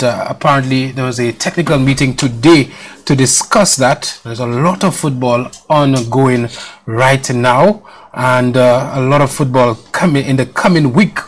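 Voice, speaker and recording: Rambling sports talk show host in his thirties. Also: medium pitch. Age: 30s.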